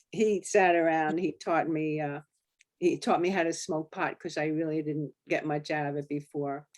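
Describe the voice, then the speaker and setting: Low-voiced woman reading her memoir. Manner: steady, flat reading monotone. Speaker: memoir author. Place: public library talk.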